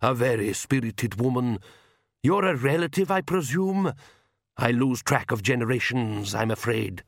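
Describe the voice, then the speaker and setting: A man voicing an ancient, courtly male vampire count who speaks slowly and with refined calm. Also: medium pitch, no room sound, clean studio sound. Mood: wistful. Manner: slow, refined and unhurried.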